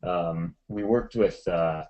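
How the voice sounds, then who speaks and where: A photographer appearing as a guest in a webinar tells a story casually in a deep voice, slowly and with animation, full of fillers and restarts. The recording sounds muffled.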